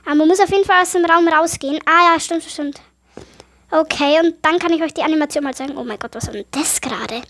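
A woman's voice: sits high, fast, fairly bright tone. A woman commentating a horror game let's play, chatty and easily startled, her voice a little affected by being sick. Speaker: gaming YouTuber.

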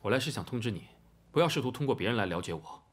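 A man's voice: medium pitch, expressive, very fast, lightly acted. An actor in his twenties playing a cold, resentful grown son in a TV drama, speaking with passive-aggressive sarcasm. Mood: cold resentment. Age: 20s. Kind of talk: Chinese TV drama acting.

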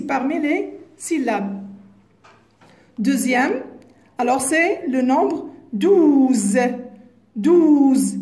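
A woman teaching a phonics lesson to young pupils, speaking slowly and deliberately, repeating each word and spelling out its syllables. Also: high voice, a little mellow, roomy sound. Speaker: kindergarten teacher.

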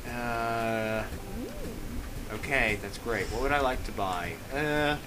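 A man's voice: mid-range voice, slow, noisy background. A man playing a video game and commenting casually and playfully as he goes. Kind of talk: casual let's play chat.

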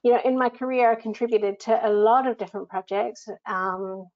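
Presenting webinar slides on a video call with slightly dull audio, a New Zealand-accented grants manager speaks a little fast. Her voice is a little high with a darkish tone, and her talk is conversational and full of ums.

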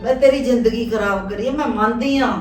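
Harsh cursing mother-in-law, played by a woman; higher voice, roomy distant sound, faint music behind. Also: fast, a little mellow, close to an everyday voice. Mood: remorseful. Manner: shrill, cursing. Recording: echoey room, distant mic, faint music.

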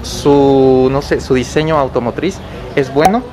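A man's voice: medium pitch, unhurried, a crowd in the background. A man with a Mexican accent hosting a casual food vlog outdoors, talking through a face mask with playful, mock-dramatic enthusiasm. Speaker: vlogger host. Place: outdoors on a busy town street. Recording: loud outdoor street noise. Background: loud street and traffic noise.

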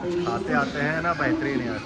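A man's voice: on the high side, a little fast, over loud music. A young man in his twenties chatting casually to viewers on a phone camera while travelling by train and through busy stations. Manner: chatty, addresses viewers as "bhai" and "bhaiya". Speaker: vlogger. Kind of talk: casual travel vlog narration. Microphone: phone held at arm's length. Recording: phone vlog with loud traffic noise. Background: loud train and street noise.

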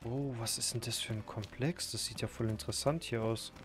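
A man commenting on his own survival gameplay, thinking aloud, swearing and breaking into sudden loud outbursts. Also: medium pitch, fairly quick, music in the background. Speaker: gaming YouTuber.

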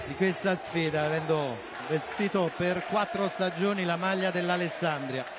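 A man commentating live on a football shootout in an excited, dramatic, breathless manner. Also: high-pitched. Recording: stadium broadcast with loud crowd noise. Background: football stadium crowd.

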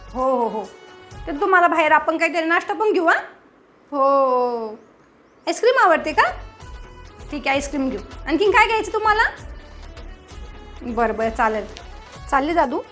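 A woman's voice: sits high, lively intonation, moderate pace, long pauses, a bit bright, soft background music. A woman playing a sweet, doting new aunt in a comedy sketch, coaxing a child and chatting on the phone. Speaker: comedy vlogger acting a new aunt-in-law. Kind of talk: one-sided comedy sketch, talking to unseen family.

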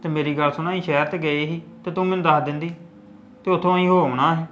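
A woman's voice: low-pitched, fairly even intonation, muffled recording, a little hiss or hum, close to an everyday voice. A woman playing a practical relative who questions and advises in a family drama. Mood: brisk. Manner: brisk, questioning.

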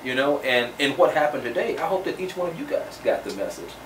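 A man's voice: medium pitch, very animated, fast, a bit bright. A middle-aged man hosting a talk show interview, speaking in an earnest, encouraging way on a studio set. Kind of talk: interview chat. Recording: roomy distant studio sound with noise.

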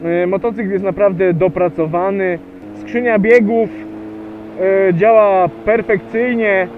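Riding a motorcycle on an outdoor road, a high-voiced motovlogger narrates casually into his helmet mic with fairly even intonation. He's chatty but hesitant, pausing often and filling gaps with fillers. The audio is tinny and narrow, with faint wind and engine noise beneath.

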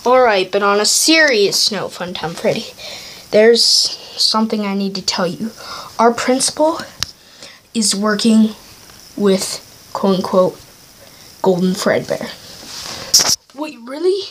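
A woman's voice: mid-range voice, animated, slow pace, pauses often, a little hiss or hum. A female speaker narrating a playful homemade toy skit in a chatty, rambling way.

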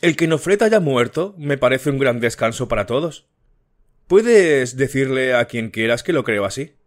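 A man's voice: lively intonation, normal speed, close to an everyday voice. A man voicing a proud, frightened wife who snaps defensively, in an audiobook. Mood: haughty. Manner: nervous, then imperious and shrill. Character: haughty, frightened young wife.

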